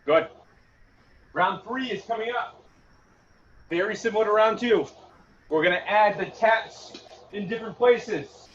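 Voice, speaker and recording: A man's voice: high voice, a little slow, pauses often, fairly bright tone. A man in his thirties coaching a workout, calling out moves and punch combinations in short bursts like a boxing coach. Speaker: fitness coach leading a home HIIT workout. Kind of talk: live exercise instruction with short cues and counts. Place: indoor garage-style gym. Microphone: camera several metres away. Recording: distant mic, muffled, noisy gym.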